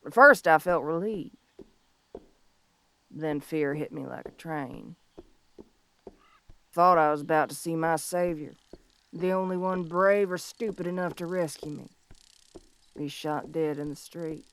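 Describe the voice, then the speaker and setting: A woman playing a young, tough but tender tomboy bounty hunter of the Old West in an audio role-play, speaking in a folksy, halting, heartfelt way. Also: low voice, fairly bright tone, no echo. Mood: wistful, tender. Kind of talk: scripted audio role-play monologue, intimate and slow.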